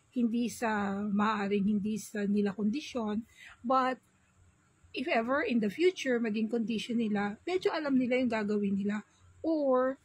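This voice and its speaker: Slow, husky Filipino woman vlogging. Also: a little high, dry recording, poor audio. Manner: unhurried, mixing English and Tagalog. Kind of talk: casual vlog talk.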